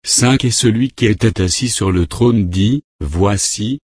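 A man preaching a sermon, reading scripture aloud and asking rhetorical questions in a deliberate way. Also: on the low side, dry recording, studio quality.

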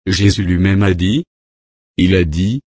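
A man preaches in a slow, deliberate cadence, reading verse after verse. His voice sits fairly low and the recording is dry and close, with no room around it. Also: no room sound. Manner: slow, measured, repeats divine names in a steady cadence. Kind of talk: slow Bible-study sermon reading scripture.

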